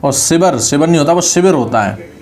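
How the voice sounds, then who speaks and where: A man teaching a spelling lesson online, saying each word over and slowly correcting it. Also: fairly high pitch, animated, a little mellow. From India. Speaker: online exam-prep Hindi teacher.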